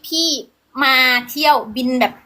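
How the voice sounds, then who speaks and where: A woman's voice: a little slow, pushed and bright. A woman playing a flustered Isan village girl. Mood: explaining. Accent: Isan (Northeastern Thai). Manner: flustered, pleading, stumbling over English words. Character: young flustered village girl struggling with English. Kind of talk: comedy sketch acting.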